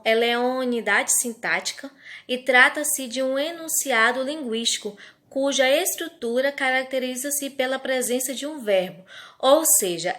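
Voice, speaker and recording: A woman teacher from Brazil gives a recorded grammar lesson. Her voice sits a little high, and she explains each point slowly and carefully for her students. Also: fairly bright tone.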